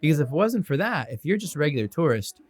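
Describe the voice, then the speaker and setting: A man's voice: on the high side, big pitch swings, fast, a little mellow. A man co-hosting a podcast, chatting casually and rambling with lots of "like" and "you know.". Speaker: podcast co-host.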